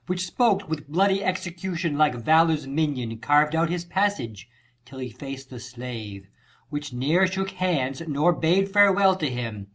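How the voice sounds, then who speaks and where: Speaking on the high side, a man performs in an audiobook drama as a wounded soldier, delivering a battle report in declamatory Shakespearean verse.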